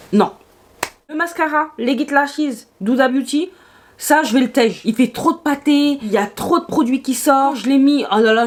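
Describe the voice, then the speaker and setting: A woman vlogging casually about her makeup, gushing and exclamatory in a chatty way. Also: high voice. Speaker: beauty vlogger.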